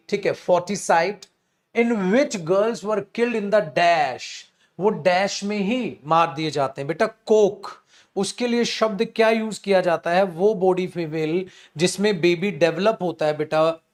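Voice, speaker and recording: A young man teaching an exam-prep class, asking his students questions and answering them himself, and reading English sentences slowly word by word. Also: high-pitched. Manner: addresses students as beta and mere dost, asks and answers his own questions. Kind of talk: online exam-prep lesson.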